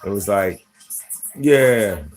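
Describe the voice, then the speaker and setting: A man's voice: fairly low pitch, expressive, extremely slow. Blunt, profane man ranting on a live stream. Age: 40s. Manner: drops into soft baby talk with his pets. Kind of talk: casual live-stream rant.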